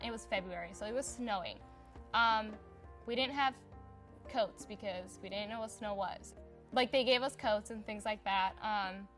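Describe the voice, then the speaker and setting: A young adult woman from Somalia speaks in a casual interview for a community profile, her voice medium-pitched and a bit bright. She talks about herself in a chatty, unpolished way with lots of filler words.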